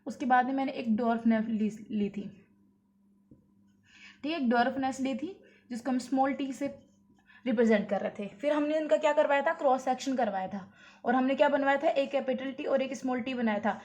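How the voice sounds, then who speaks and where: A woman's voice: high-pitched, brisk, darkish tone. A woman teacher explaining at a whiteboard, asking herself questions and answering them, and repeating key points. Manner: asks rhetorical questions then answers them. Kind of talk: whiteboard lesson.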